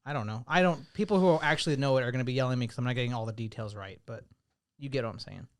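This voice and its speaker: A man from the American South co-hosting a podcast, joking in quick banter. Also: mid-range voice. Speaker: podcast co-host. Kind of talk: casual podcast chat.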